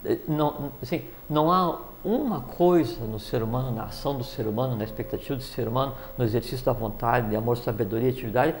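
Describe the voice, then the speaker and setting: A man's voice: mid-range voice, fast, hardly any pauses, a little hiss or hum. A man explaining spiritual teachings in a rambling talk, with many fillers and restarts.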